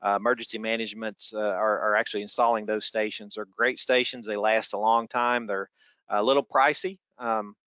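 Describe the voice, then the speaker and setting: Bright, clear man with a Tennessee accent. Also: on the low side, flat delivery, fairly quick, no echo, dull audio. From Tennessee, United States. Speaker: weather spotter trainer. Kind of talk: informal webinar Q&A, answering read-out questions.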